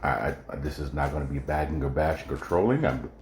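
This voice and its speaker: A very deep, slightly mellow male voice moves briskly through a casual, jokey solo podcast aimed right at his listeners. Expect a little hiss or hum, an echoey room and faint music.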